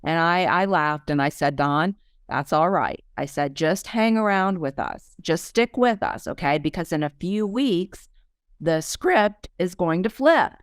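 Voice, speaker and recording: A woman's voice: lowish voice, animated, a little slow, smooth, dry recording, studio quality. A woman hosting a faith-based business podcast, teaching in an emphatic, preachy way and reading testimonials aloud. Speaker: podcast host and business coach. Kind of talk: motivational teaching talk.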